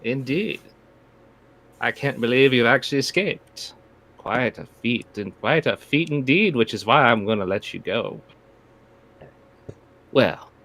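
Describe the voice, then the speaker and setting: A man's voice: on the low side, gravelly, fairly bright tone, heavily acted. A man voicing a suave, gloating mustache-twirling villain in a tabletop game, taunting and theatrical, with music behind him. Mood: smug, menacing.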